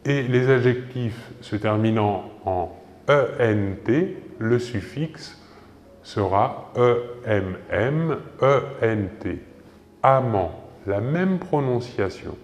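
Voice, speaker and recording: A man teaching a French grammar lesson slowly, spelling words out letter by letter and checking in with "ok". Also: medium pitch, animated, darkish tone, a little hiss or hum. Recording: echoey room with long reverb.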